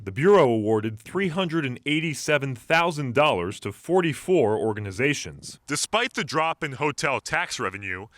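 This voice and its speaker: A man's voice: mid-range voice, fairly bright tone. A man delivering scripted broadcast news as an anchor and field reporter.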